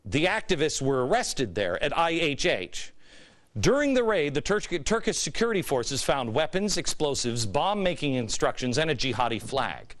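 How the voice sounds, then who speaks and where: A man's voice: a little high, a bit bright. Sarcastic man, wildly swooping American commentary voice. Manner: sarcastic, mock-innocent; repeats phrases and asks pointed rhetorical questions. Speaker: political commentary show host. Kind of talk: political monologue commentary to audience.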